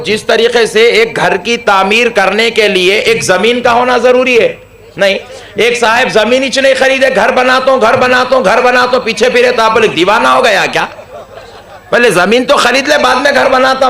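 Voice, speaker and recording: A man preaching a devotional sermon, repeating phrases and talking straight to the crowd, building to shouted peaks. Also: extremely high pitch, fairly even intonation, moderate pace, creaky, echoey room. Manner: addresses crowd directly, invites questions.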